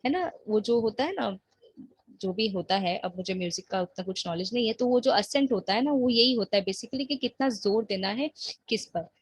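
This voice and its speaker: A woman teaching an English grammar lesson, explaining patiently and reading example sentences slowly. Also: medium pitch, slightly rough, dry recording. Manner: patient, explains slowly, checks in with the listener often.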